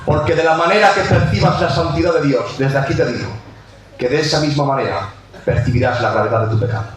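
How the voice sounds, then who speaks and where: A man preaching a sermon with passion, swinging between shouted lines and low, intense ones and repeating key phrases. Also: fast. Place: church sanctuary. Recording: very echoey church hall.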